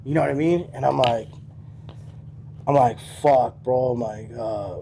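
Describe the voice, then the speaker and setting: A man, a podcast guest telling his franchise story in a casual, profane, animated way and acting out the people he quotes. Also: mid-range voice, moderate pace, gravelly, a little hiss or hum.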